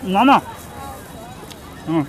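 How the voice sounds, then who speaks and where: A man's voice: sits high, expressive, extremely slow, a faint crowd. A man in his thirties hosting a casual street vlog, chatty and full of questions, sometimes hawking food like a vendor. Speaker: vlog host. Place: outdoor street market. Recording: busy crowded street with traffic.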